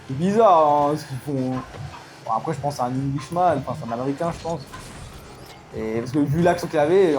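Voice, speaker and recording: An excitable player talks through a match as it happens. The voice leaps up and drops back down, going from low asides to sudden cries. Soft game music plays faintly behind. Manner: excitable, swings from low mutters to loud outbursts. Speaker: gaming commentator. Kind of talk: live gameplay commentary.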